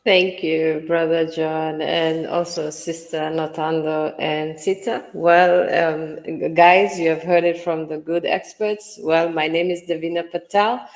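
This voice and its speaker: A woman's voice: low voice, flat delivery, unhurried, few pauses, big-room sound. A woman in her early forties from Fiji, talking earnestly about her own life as an online mentor on a livestream panel. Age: early 40s. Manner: earnest, personal storytelling.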